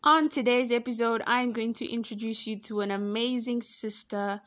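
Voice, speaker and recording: A woman's voice: a little high, steady tone, over loud music. A woman hosting an interview show, bubbly and enthusiastic in casual chat. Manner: bubbly, enthusiastic, quick to laugh. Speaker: host.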